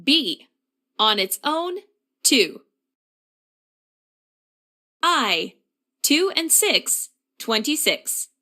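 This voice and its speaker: A woman with a high, bright voice calls bingo numbers very slowly and deliberately. Her pitch swings in a lively way as she delivers each call in the set phrasing of a bingo caller.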